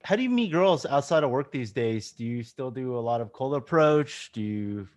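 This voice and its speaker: A man's voice: mid-range voice, expressive, moderate pace, a little mellow, dry recording, clean studio sound. A man hosting a casual interview as a dating coach, asking loose questions with lots of fillers. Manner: easygoing questioner, hesitant fillers.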